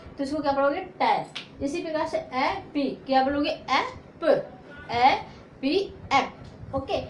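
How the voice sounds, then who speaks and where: A woman with a high voice and an unhurried delivery teaches English phonics in Hindi from a whiteboard, working through letter sounds one by one and answering her own questions. She's an English teacher and channel host. The low-quality recording is reverberant, with slight background noise.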